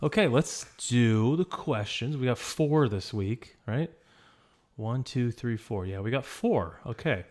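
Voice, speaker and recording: In a small, hot indoor room, a man hosts a casual solo podcast, rambling along with stammered restarts and fillers. His medium-pitched voice is slow, a little mellow, and lively in intonation.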